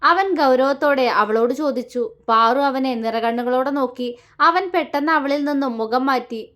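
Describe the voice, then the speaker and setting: A woman reading a romance story aloud in a calm, steady storytelling manner. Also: high voice, normal speed.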